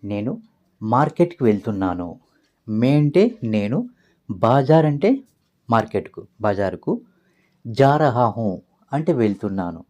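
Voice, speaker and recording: A man's voice: mid-range voice, very animated, a little slow, long pauses, darkish tone. A man teaching as a language tutor, patiently explaining phrases word by word and repeating each one.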